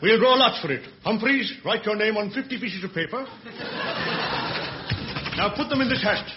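An actor playing a blustering, inept police inspector with a pompous manner in a radio comedy sketch. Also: male voice, high voice, animated, normal speed, muffled recording, background noise.

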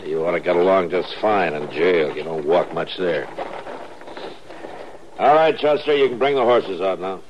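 A man's voice: low voice, moderate pace, long pauses, natural voice. An actor playing a stern, laconic Old West lawman with an American accent and dry wit, in old-time radio style. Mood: wry, commanding. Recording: muffled old radio recording, faint noise.

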